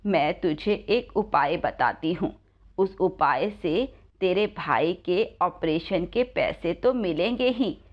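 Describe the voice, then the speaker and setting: A woman voicing an old woman, a goddess in disguise, who gives slow, motherly advice. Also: on the low side, lo-fi sound.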